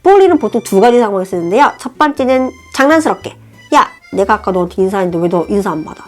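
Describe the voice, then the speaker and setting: A woman teaching Chinese, explaining a novel passage in a friendly, animated way. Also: mid-range voice, fast. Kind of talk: language lesson, reading a novel aloud and explaining. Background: soft background music.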